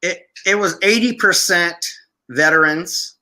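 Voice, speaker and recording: A man from Syria, a guest on a podcast interview, telling his story in an animated way and acting out what people said. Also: high-pitched, a little slow. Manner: animated, acts out quoted speech. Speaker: podcast guest, veteran filmmaker.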